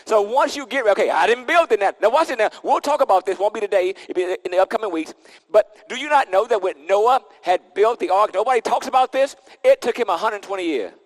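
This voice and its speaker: A man's voice: sits high, lively intonation, fairly quick, big-room sound. A man preaching a sermon into a pulpit microphone, emphatic and repetitive, with casual vernacular and call-and-response. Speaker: pastor.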